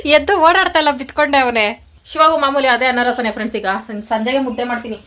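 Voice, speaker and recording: A woman's voice: sits high, fast talker, a bit bright, no room sound. A woman in her thirties with a rural Karnataka Kannada accent, chatting casually to viewers in a home vlog. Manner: chatty, addresses viewers as friends constantly. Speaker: vlogger.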